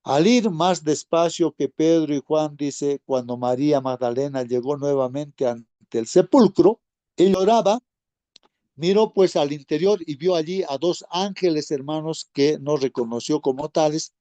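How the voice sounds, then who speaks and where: Warm, dark-voiced man retelling a Bible lesson. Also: a little high, a little slow, no echo. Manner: conversational, addresses listeners as brothers, frequent tag questions. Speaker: Sabbath School lesson presenter.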